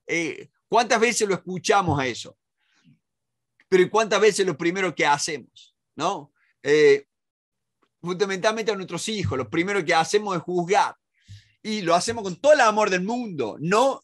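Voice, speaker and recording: A middle-aged man teaches an audience in a loose, conversational way. His voice sits a little higher than most men's, and he keeps asking rhetorical questions and restarting his sentences as he explains. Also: a bit bright. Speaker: negotiation expert and instructor. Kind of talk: spoken lesson to an audience.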